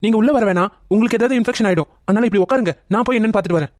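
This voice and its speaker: An actor playing a calm hospital doctor who explains things in a reassuring way. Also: male voice, high-pitched, rapid-fire, no echo, clean studio sound, natural voice.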